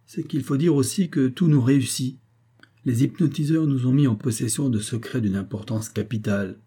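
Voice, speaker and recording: A man's voice: medium pitch, normal speed, husky, lightly acted. A man voicing a domineering billionaire father. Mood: boastful. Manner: forceful, reproachful, rising to emphatic outbursts. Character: domineering middle-aged billionaire father, exalted. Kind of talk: audiobook character reading.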